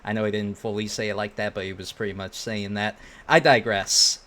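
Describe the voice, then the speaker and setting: Casting: male online commentator, lower register, slangy and opinionated, casually reacting to posts. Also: flat delivery, brisk, fairly bright tone, slight background noise.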